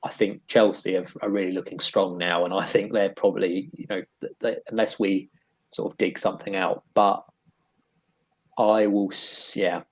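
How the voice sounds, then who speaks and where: A man's voice: sits low, flat delivery, moderate pace, slightly rough. A man giving his football predictions in a casual chat, hesitant and full of restarts. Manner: hesitant, lots of restarts and hedging. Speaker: football pundit.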